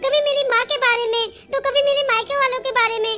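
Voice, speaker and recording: A tearful young cartoon wife whines about her troubles. The pitch is extremely high and the tone bright. Soft music runs behind her. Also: little pitch movement, normal speed. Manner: complaining, whining. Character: tearful young married daughter. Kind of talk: cartoon comedy voice acting.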